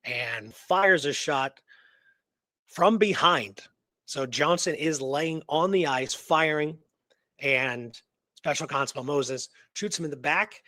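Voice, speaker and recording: A talk radio host with a fairly high, slightly bright voice tells a true historical story. His delivery is casual and colloquial yet earnest, as though he's absorbed in the tale. The recording is dry.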